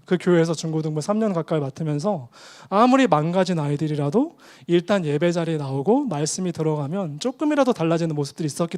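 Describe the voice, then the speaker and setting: High, animated male pastor preaching. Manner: animated storytelling with acted quotes and laughter. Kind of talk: sermon.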